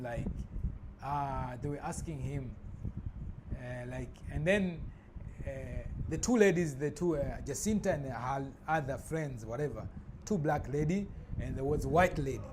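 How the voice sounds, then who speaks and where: A man giving casual spoken commentary, halting and restarting often with many fillers. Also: fairly high pitch, darkish tone. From Tanzania. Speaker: vlogger. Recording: noisy background ambience.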